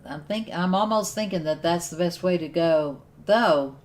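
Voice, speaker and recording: A woman's voice: lowish voice, normal speed, darkish tone. A woman streaming a survival game, giving casual commentary and thinking aloud as she plays. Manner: thinks aloud while playing, with restarts and laughs.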